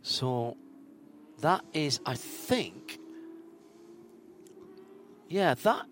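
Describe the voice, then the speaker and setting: A man's voice: fairly high pitch, very animated, very slow. A man giving live motorsport commentary as lead announcer, calling the action play-by-play and correcting himself as he goes. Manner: running play-by-play with self-corrections. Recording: loud car and engine noise behind. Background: race cars, trackside ambience.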